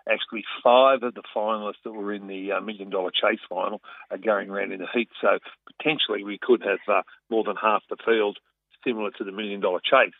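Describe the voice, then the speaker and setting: An Australian man talking as a racing guest in a casual radio interview, conversational and a bit halting. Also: on the low side, steady tone, vocal fry, phone-quality sound, slight background noise.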